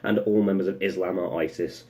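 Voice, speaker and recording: A man's voice: low-pitched, fairly even intonation, fairly quick, darkish tone. Rambling sarcastic young man. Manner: rambling, sarcastic, full of self-interrupting asides. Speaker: vlogger. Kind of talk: casual opinion monologue.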